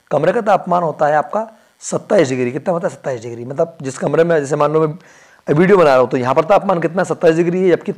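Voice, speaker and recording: A male teacher giving an exam-prep lesson indoors, asking quiz questions and answering them himself, repeating key facts and checking that they are clear. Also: on the high side, a little mellow. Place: indoor room where he films.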